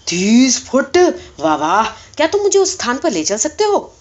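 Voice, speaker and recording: A woman voicing an eager, excitable Anglo-Indian man who keeps asking questions, on a dull lo-fi recording. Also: mid-range voice, lightly acted.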